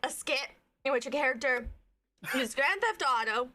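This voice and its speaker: A woman's voice: sits high, lively intonation, moderate pace, bright, forceful tone. A woman co-hosting a live stream, making dry, wincing remarks while her eyes water from the spicy food. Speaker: stream co-host. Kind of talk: casual live-stream chat.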